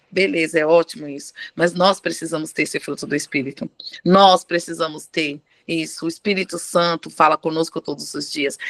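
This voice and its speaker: A woman pastor preaching a devotional sermon, animated and acting out quoted dialogue. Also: on the low side, no echo.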